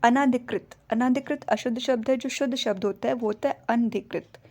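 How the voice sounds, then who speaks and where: Lady doing a hindi spelling lesson, a bit high voice, goes word by word. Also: moderate pace. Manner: steady, explanatory listing of words. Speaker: Hindi grammar teacher.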